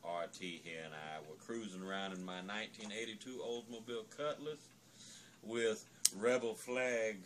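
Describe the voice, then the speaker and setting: A man's voice: lowish voice, normal speed. Drunk guy rambling through a sweary opinionated rant, bit of background noise. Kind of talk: profane comic rant.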